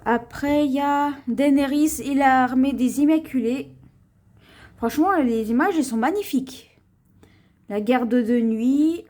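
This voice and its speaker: High-voiced with a darkish tone, this haul vlogger unpacks her shopping finds for viewers in a slow, conversational show-and-tell. She points items out, frequently repeats "voyez," and occasionally trips over words or starts names again.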